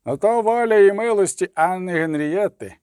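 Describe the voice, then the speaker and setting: A man's voice: high voice, normal speed, a little mellow, clean tone, no echo, studio quality, pitched above the performer's own voice, close to an everyday voice. A man doing a gloomy, pompous court official. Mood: proclaiming. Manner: solemn, proclaiming.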